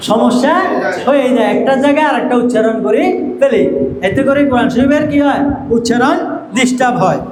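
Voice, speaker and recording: High-voiced man drilling a class. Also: fairly quick, reverberant, crowd noise, poor audio. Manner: asks questions and answers them himself, drills syllables. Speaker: Quran reading trainer. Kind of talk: teacher training lesson.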